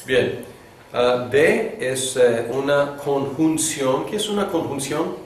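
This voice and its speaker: A man teaching a beginners' Greek lesson in class, talking slowly and thinking aloud with many fillers. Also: mid-range voice, a little hiss or hum. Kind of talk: classroom lecture. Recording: echoey classroom from a distant mic.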